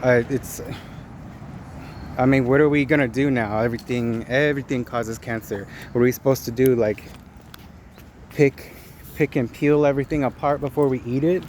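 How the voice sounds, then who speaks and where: A man giving a casual, halting monologue to viewers, repeating himself and using loose slang as he walks outside. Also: medium pitch, fairly even intonation, darkish tone. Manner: informal slang with some swearing. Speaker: video diarist. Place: outdoors, walking along a street. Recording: noisy outdoor street with passing cars.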